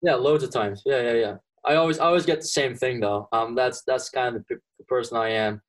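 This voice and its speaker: Talking a bit fast at a medium pitch, a young man from Belgium answers questions as a golfer in an interview, captured in a low-quality recording. He's a native Flemish Dutch speaker who stays relaxed, saying um a lot and restarting frequently.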